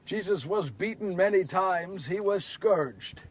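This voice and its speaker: Man as remorseful apostle Peter, earnest stage monologue, very high husky voice, mic far off. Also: expressive, slow, full character voice. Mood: hushed remorse. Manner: earnest storyteller, swings from hushed confession to loud anguish. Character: Simon Peter, remorseful grown fisherman apostle. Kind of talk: first-person dramatic monologue.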